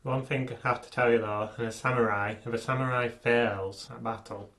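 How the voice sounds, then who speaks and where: A man's voice: medium pitch, fairly even intonation, a little fast, a bit bright. A man hosting a podcast who reads out would-you-rather questions and adds matter-of-fact remarks. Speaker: podcast host asking questions. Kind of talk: casual chat.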